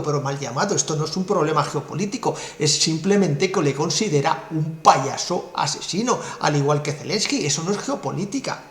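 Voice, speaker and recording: Scornful commentator, echoey. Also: male voice, a little high. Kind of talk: political commentary monologue. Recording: roomy echo.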